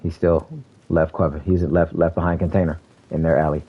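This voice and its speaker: Fairly quick and slightly rough, with little pitch movement, a male streamer chats casually over live gameplay. He calls out enemies, talks in slang and says "bro" a lot, all through a bad mic that leaves the stream audio muffled and low in quality.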